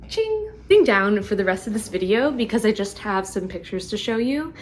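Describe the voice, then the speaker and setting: A woman vlogging about her knitting in a chatty way, full of ums and likes, a little hoarse as she is losing her voice. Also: medium pitch, a little hiss or hum. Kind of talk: casual chat to camera.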